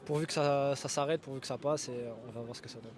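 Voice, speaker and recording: A man's voice: medium pitch, steady tone, fast, darkish tone. A man from Brussels answering a street interview in an upbeat, rambling way, full of fillers. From Brussels, Belgium. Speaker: interviewee, visitor.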